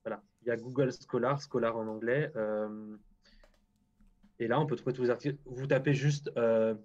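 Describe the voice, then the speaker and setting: French guy on a stream, blunt, keeps restarting, mid pitch, dull lo-fi audio. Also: steady tone, moderate pace, darkish tone. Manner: blunt, self-deprecating, lots of restarts. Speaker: agroclimatologist guest. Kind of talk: live-stream interview.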